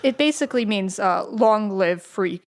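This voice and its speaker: A woman takes part as a contestant in a laid-back trivia podcast. She answers quickly and teases the host in a playful way. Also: medium pitch. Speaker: quiz contestant. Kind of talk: casual podcast quiz.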